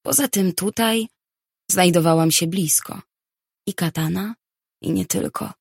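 A woman narrating a novel in the first person, reading in a measured, even way. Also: on the low side, creaky, slightly rough, dry recording, studio quality. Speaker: audiobook narrator.

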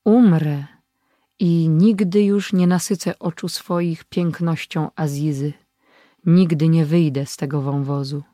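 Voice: medium pitch, steady tone, a little slow, mellow, dry recording, studio quality, close to an everyday voice. An audiobook reader voicing a wounded young Berber man who speaks in a weak, faltering voice. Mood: despairing.

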